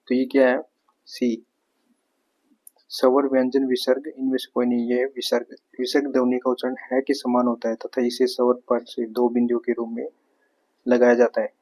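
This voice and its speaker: Male teacher, Haryanvi-tinged, monotone, runs through exam questions methodically, repeats each answer. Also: mid-range voice, rough recording. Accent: Haryanvi-tinged Hindi. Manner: explains step by step, repeats answers, asks rhetorical questions. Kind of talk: exam prep grammar lesson.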